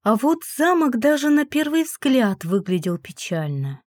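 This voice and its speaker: A woman's voice: a little high, very animated, measured pace, darkish tone, dry recording, clean studio sound. A woman reading a first-person fantasy story aloud with wry, sarcastic narration. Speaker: audiobook narrator.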